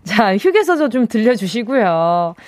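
A woman's voice: mid-range voice, big pitch swings, measured pace, darkish tone, no room sound, studio quality. A woman of thirty hosting a radio show, reading listener messages and chatting playfully with a caller. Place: radio studio. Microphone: close studio mic.

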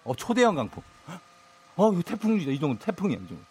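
A man's voice: high voice, sing-song, fast talker, a little mellow, husky. Man talking into a whirring fan. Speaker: morning radio DJ. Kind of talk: lively radio show talk.

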